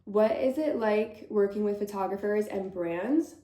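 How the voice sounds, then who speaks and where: Chatty bubbly twenties girl doing a q&a, a bit out of breath, soft mellow voice. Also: mid-range voice, a little slow, a little hiss or hum. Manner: bubbly, chatty, laughs often. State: slightly out of breath. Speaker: model and vlogger. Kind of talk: casual Q&A chat to camera. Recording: roomy echo.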